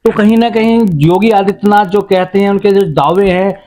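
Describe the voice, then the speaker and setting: A man's voice: high voice, steady tone, moderate pace, dark tone. A male reporter in a field news interview, asking leading questions and restating the answers back.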